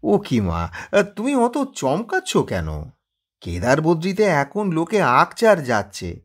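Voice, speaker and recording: A man's voice: a little high, wildly swooping pitch, slow, breathy edge, pitched above the performer's own voice, exaggerated voice. A man voicing a flustered, evasive grown son in an audio story, over-talkative and stammering. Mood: eager.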